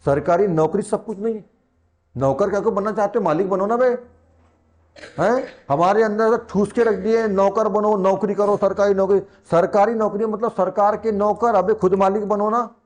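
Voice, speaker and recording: A man's voice: sits high, moderate pace, darkish tone. A man teaching a science class as a tutor, chatty and teasing, talking straight to his students. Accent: Hindi. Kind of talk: classroom lesson in Hindi.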